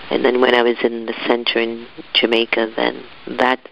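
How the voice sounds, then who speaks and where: A woman's voice: very deep voice, monotone, normal speed, gravelly. Woman on a glitchy call, breaking up. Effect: online call audio breaking up and dropping in volume. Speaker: interview guest. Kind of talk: personal storytelling over a call. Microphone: remote video or voice call. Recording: dull lo-fi call audio with faint hiss.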